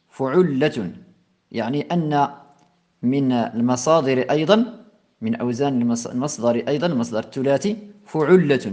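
A man giving a lesson on verb forms in classical grammar. He recites each verse, then explains it slowly and patiently. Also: medium pitch, darkish tone. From Morocco. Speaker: teacher of Arabic grammar. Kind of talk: lecture explaining a classical poem.

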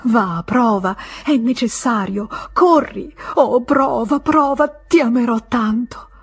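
A woman reading an audiobook voices a desperate young woman in debt, passionate and pleading, urgent and at times hushed. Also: medium pitch, measured pace, husky.

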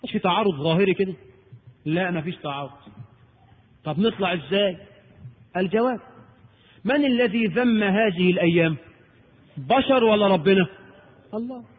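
A man preaching a lecture in Egyptian Arabic, animated and rhetorical, asking and answering his own questions. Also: high voice, normal speed, pauses often, husky. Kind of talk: recorded Islamic lecture. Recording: tinny old tape in a reverberant hall.

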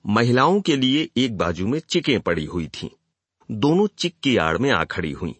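A man narrates a literary novel, his pitch moving freely as the story builds. His voice sits at a middle height. The recording is dry and close to the mic. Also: moderate pace, breathy edge, dry recording. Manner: expressive storytelling. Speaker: audiobook narrator.

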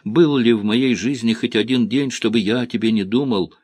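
A man's voice: medium pitch, moderate pace, a little mellow, husky, dry recording, studio quality, close to an everyday voice. A man reading the part of an earnest, lovesick village electrician, pleading and sincere. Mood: heated.

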